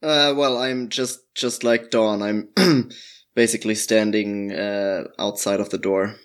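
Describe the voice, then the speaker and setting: A man's voice: lowish voice, steady tone, slow pace. A man playing a tabletop game, talking casually and hesitantly. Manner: hesitant, with fillers and laughs. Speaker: player.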